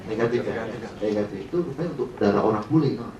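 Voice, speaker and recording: A man's voice: fairly low pitch, fast talker, crowd noise. A man leading a sales training, telling a dramatic story and asking the audience questions, heard in a dull, roomy recording from a distant mic.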